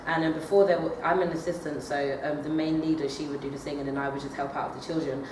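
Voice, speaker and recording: Speaking fast in a deep voice with little pitch movement, a young woman drama student answers interview questions hesitantly, restarting often and using many fillers. She is a young adult. The noisy recording comes from an echoey room, far from the mic.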